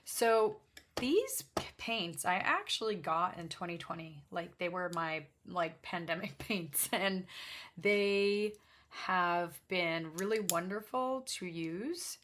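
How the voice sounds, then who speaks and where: A woman speaks in a fairly low register with a slightly gravelly edge. She hosts a casual art demonstration in a chatty, unscripted way. Her talk rambles, with self-interruptions and an apologetic manner. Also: lively intonation, slow pace, fairly bright tone, slight background noise. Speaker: host of an art livestream swatching watercolors. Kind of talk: casual chat to camera while demonstrating. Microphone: backup microphone.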